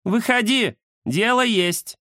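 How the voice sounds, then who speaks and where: Storybook she-cat, high, brisk and commanding, played by a male reader. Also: animated, sharp tone, no room sound, studio quality, exaggerated voice. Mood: calling. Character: bold bossy female cat.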